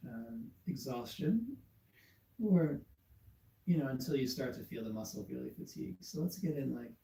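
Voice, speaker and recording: Relaxed man leading a yoga class. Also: medium pitch. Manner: relaxed, encouraging, with fillers. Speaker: yoga instructor. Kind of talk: guided yoga class instruction. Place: studio room. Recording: echoey room, far from mic.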